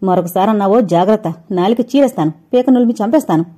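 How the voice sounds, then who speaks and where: A woman's voice: mid-range voice, fast talker, natural voice. Woman reading an enraged proud husband. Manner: shouting angry demands. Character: enraged young husband, proud and hot-tempered. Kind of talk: audio novel reading.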